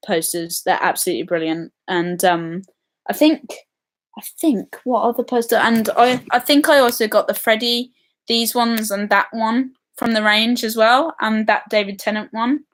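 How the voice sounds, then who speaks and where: A woman hosting a casual live stream, chatty and excitable, answering viewer comments with lots of ums. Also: medium pitch, normal speed. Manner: chatty and excitable, many ums, reacts to comments as they come.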